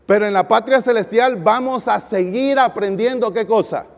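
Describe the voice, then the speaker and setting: High-voiced man preaching in a hall. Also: normal speed. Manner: lively preaching with questions to the audience. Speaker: guest pastor. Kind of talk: sermon. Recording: long hall reverb.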